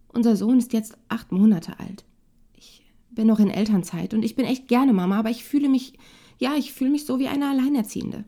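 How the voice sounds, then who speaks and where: A woman's voice: mid-range voice, natural voice. A woman voicing an angry, tearful young mother who speaks sharply with a rising, breaking voice. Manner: sharp, raised voice breaking into tears.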